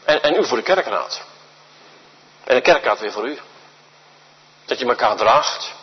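A man's voice: mid-range voice, lively intonation, moderate pace, slightly rough. Een man houdt een preek met een levendige, sterk op en neer gaande stem, vol herhalingen. Zijn stem is erg hees. Het geluid is gedempt en lo-fi en galmt lang na in de kerk. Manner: emphatic, repetitive, rhetorical questions. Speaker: guest preacher. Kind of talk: sermon. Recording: dull recording with long church reverb.

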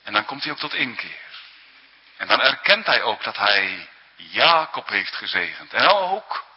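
A man's voice: lowish voice, very animated, measured pace, breathy edge. A man preaching a sermon in an earnest, emphatic way, often tagging his points with questions, on a dull, lo-fi recording with a long hall echo.

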